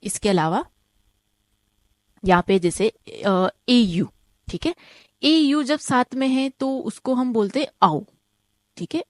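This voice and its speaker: A woman teaching an online German lesson, explaining step by step, often checking with "ठीक है?", and saying each example word slowly twice. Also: fairly high pitch, expressive, no room sound.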